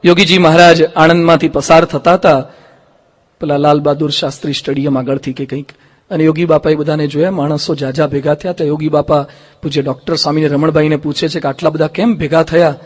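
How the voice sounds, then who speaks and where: Monk guy giving a sermon, high voice, acts out the story characters, long echo in the hall. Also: fast. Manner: lively storyteller who acts out quoted speech. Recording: reverberant hall.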